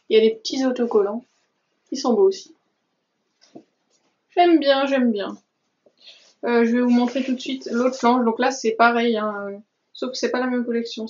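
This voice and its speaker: A woman's voice: on the high side, dull audio. A woman vlogger chatting casually through a craft haul, enthusiastic and gushing, with many hesitations and little asides. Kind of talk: casual chatty vlog talk.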